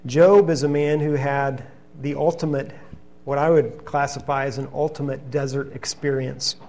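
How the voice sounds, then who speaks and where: A man preaching a sermon, reading scripture passages in an earnest, steady teaching manner. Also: mid-range voice, normal speed.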